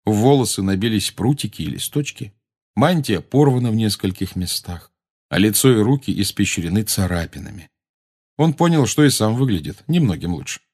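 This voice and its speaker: Husky, low-voiced male narrator. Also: moderate pace. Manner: expressive reading. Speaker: audiobook narrator. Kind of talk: audiobook narration.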